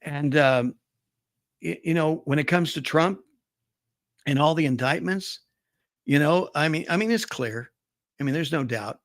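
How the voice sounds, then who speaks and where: A middle-aged man hosting talk radio, rambling into anecdotes and firm opinions. His voice is gravelly with a somewhat raised pitch, recorded close and dry. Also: unhurried, long pauses, no room sound. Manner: conversational, storytelling, opinionated. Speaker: radio talk show host. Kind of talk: casual talk-radio commentary.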